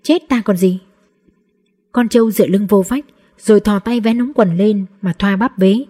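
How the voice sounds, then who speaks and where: A woman narrating a novel aloud in a steady, measured storybook reading. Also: mid-range voice. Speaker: audiobook narrator.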